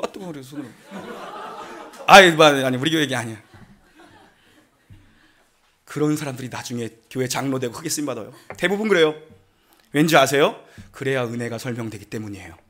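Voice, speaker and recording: A man's voice: mid-range voice, fairly bright tone. A middle-aged male pastor preaching a sermon in a joking, conversational way, acting out prayers. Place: church sanctuary.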